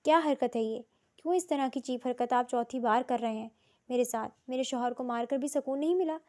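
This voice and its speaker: A woman narrator voicing a grieving young widow who shouts tearful accusations. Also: sits high, lightly acted. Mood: furious.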